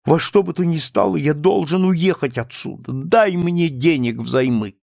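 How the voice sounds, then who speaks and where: A man's voice: fairly high pitch, measured pace, gravelly, a little mellow, dry recording, clean studio sound, voice pushed up. A man reading an audiobook, voicing a desperate young man who pleads urgently with a trembling voice. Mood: pleading, urgent. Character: desperate, agitated young man begging a friend.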